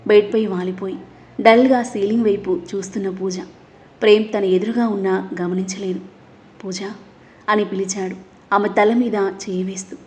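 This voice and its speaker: A woman hosting and narrating a scripted family audio story in a steady, dramatic reading. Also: medium pitch, normal speed. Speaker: storyteller and host.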